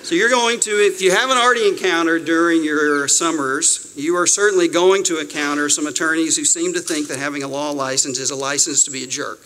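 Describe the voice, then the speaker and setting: A man's voice: on the high side, brisk, few pauses, sharp tone, poor audio. A middle-aged male attorney giving a conversational advice talk to young lawyers, emphatic with wry asides.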